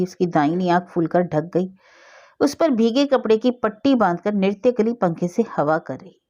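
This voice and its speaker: A woman storyteller reading a story aloud in a measured, even way. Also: on the low side, muffled recording. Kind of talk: story narration.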